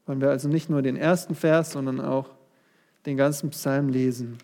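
A man's voice: medium pitch, steady tone, moderate pace, a little mellow. A man preaching a sermon and reading a psalm aloud, speaking straight to his congregation and lifting his voice on key words. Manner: addresses the congregation directly, rising voice on key words.

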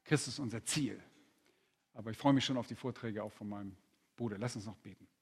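A man preaching a conference sermon, animated and direct, firing rhetorical questions at the crowd and acting out quoted voices. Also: on the low side, a little fast, creaky, slightly rough.

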